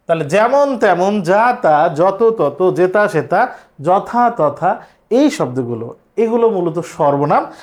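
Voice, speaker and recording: High-voiced man teaching exam prep. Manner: explains step by step, repeats words slowly for pronunciation.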